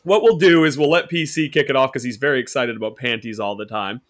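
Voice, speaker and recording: A man hosting a casual podcast chat, teasing his guests with quick laughs. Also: mid-range voice, fairly bright tone. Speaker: podcast host.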